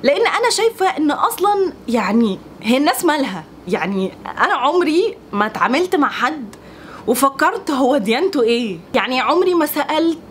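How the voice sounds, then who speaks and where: A young woman with an Egyptian accent talking in a casual vlog, animated and exasperated, laughing often. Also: high voice, fast, slight background noise. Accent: Egyptian Arabic. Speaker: vlogger.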